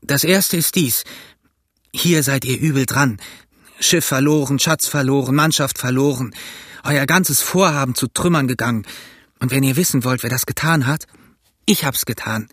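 A man's voice: medium pitch, fairly even intonation, moderate pace, no echo, lightly acted. A man reading an audiobook, voicing a young ship's boy who speaks out in agitated, breathless defiance, recorded dry and close. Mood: defiant.

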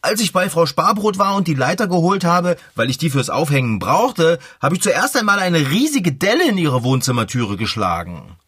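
A man's voice: fairly high pitch, big pitch swings, moderate pace, few pauses, fairly bright tone, slightly rough, no room sound, studio quality, full character voice. A man playing a clumsy, well-meaning bicycle mechanic in a children's radio play, in plain, everyday speech. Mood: dejected.

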